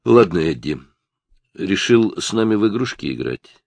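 A man doing a gruff, pushy police detective. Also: sits low, sing-song, moderate pace, a little mellow, no echo, full character voice. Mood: stern. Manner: blunt, interrogating.

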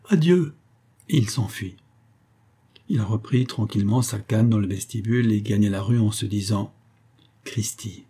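A man calmly narrating a classic novel as an audiobook, lifting his voice for the characters' lines. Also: breathy edge. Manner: calm, measured reading, voicing dialogue with lifts of pitch. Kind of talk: literary audiobook reading.

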